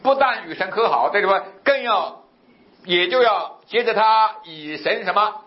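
A man's voice: high-pitched, normal speed. A man preaching a sermon as pastor, telling stories and asking the congregation rhetorical questions. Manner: animated, rhetorical questions, storytelling. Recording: echoey, slightly dull recording with faint noise.

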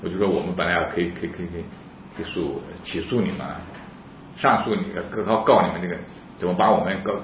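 A man with a fairly low voice tells a story at a fast clip, stumbling over restarts and repeated words. His voice leaps up high and loud when he gets worked up. The recording sounds roomy and a little dull. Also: slight background noise. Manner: animated, voice jumps high and loud when retelling anger. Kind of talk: casual spoken storytelling.

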